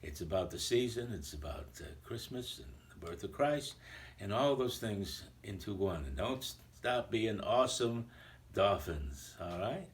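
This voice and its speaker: A man's voice: lowish voice, animated, measured pace. A man playing a jolly old Santa Claus, chatting playfully and rambling a little as he greets a school full of children in a recorded video message. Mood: cheerful.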